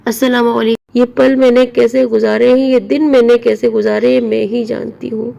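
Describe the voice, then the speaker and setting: Woman storyteller, emotional first-person reading, gravelly tone. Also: fairly high pitch, little pitch movement, warm tone, distant mic, highs cut off.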